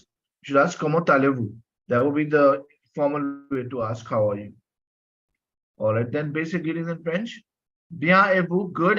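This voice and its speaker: A male French teacher with a fairly high, fairly bright voice gives an online lesson, repeating points patiently and prompting students to respond. The audio is dull and low-fidelity, as on a video call.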